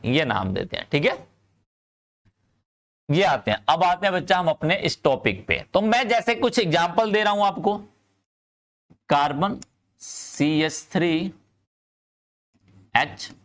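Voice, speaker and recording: A male chemistry teacher speaking, giving a live online class, often repeating himself to urge students to answer quickly and calling them "kids". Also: on the high side, a bit bright. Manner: calls students "bachcha" and "bhai".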